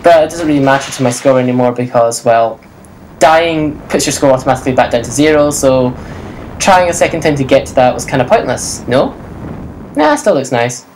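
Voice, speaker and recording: A woman's voice: rumbling low, expressive, a little fast, a little mellow, a little hiss or hum, rough recording. A woman casually commenting on a video game, rambling and correcting herself as she goes. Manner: rambling, self-correcting, chatty. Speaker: let's play commentator. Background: faint game music.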